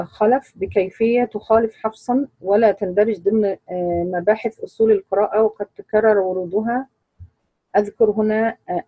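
Woman teacher, dry close sound, measured explainer who quizzes the class. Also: medium pitch, breathy edge, no echo, dull audio. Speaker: Quran recitation teacher.

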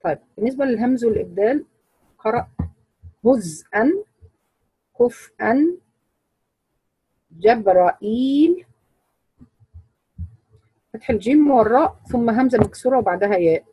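Husky, mellow-voiced woman teaching. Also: fairly high pitch, no room sound, poor audio. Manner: explains in a measured way and quizzes students. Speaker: Quran recitation teacher. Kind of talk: teaching a class.

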